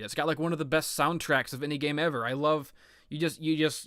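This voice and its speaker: A man with a slightly high, bright voice hosts a video game commentary series, rambling comedically through the games. He is sarcastic, melodramatic and self-deprecating, and he swears. The audio is clean and dry.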